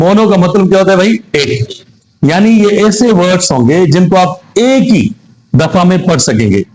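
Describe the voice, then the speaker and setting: A man's voice: sits high, a little mellow, poor audio. A man teaching English pronunciation, asking his class questions and answering them himself, switching between Hindi and English. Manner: slows down to read English phrases; mixes Hindi and Urdu with English terms. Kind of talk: classroom lecture.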